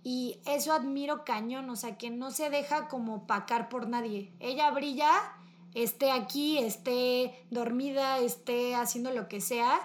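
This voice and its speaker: A woman's voice: high-pitched, fairly even intonation, unhurried. Heartfelt young Mexican woman, slangy. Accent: Mexican Spanish. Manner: slangy, heartfelt, filler-heavy. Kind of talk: casual emotional chat with a friend.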